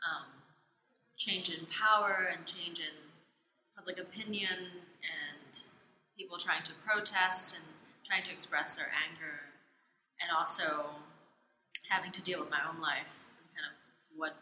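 A woman's voice: fairly low pitch, fairly even intonation, a little slow, sharp tone, a little hiss or hum. Thoughtful woman from Hong Kong, echoey. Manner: thoughtful, hesitant, many fillers. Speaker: interviewee, art student. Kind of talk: street interview answers. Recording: echoey space with faint ambience.

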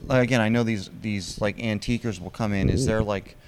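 A man's voice: on the low side, fairly even intonation, a little fast, background noise. Hesitant curious man interviewer. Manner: hesitant, repeats words, curious. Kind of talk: casual interview.

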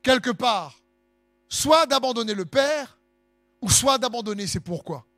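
A man's voice: extremely high pitch, lively intonation, measured pace, a bit bright, dry recording, soft background music. A man preaching a sermon in an impassioned, sing-song way, letting his phrases swell for emphasis.

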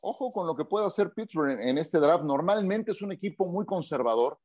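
A man's voice: high voice, lively intonation, fairly quick, a little mellow, dry recording, studio quality. Man hosting a casual sports show. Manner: chatty, steers the conversation. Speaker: podcast host.

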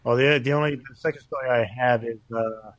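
A man co-hosts a casual chat over an online call, his audio uneven, jumping loud and then fading away. He speaks haltingly and repeats words as he goes. The sound is dry, with a voice of middling pitch. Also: steady tone, no echo. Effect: uneven volume, audio dropping in and out, loud then fading. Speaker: podcast co-host. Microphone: remote call connection.

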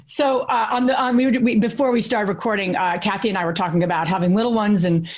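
A woman in her thirties co-hosting a podcast, telling stories in a lively, chatty way with many fillers and restarts. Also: medium pitch, fast. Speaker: podcast co-host. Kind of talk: casual podcast chat.

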